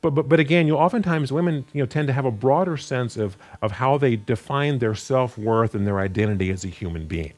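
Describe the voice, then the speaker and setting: Talking briskly with few pauses, a man teaches the Bible in an off-the-cuff sermon. He often says words twice and begins sentences again, and his pitch is lively, rising steeply whenever he stresses something.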